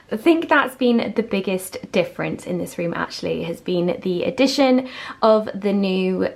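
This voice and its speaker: A woman talks casually to her viewers in a home vlog. Her pitch sits in the middle for a woman. She gushes over the makeover she is revealing, full of excitement about the details. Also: normal speed, vocal fry. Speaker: home makeover vlogger, host. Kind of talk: house tour vlog, casual chat to camera.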